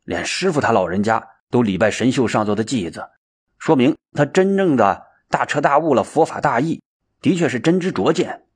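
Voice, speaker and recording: A man's voice: mid-range voice, moderate pace, slightly rough. A man voicing an impulsive young male monk who talks eagerly and bluntly. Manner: excited, blunt.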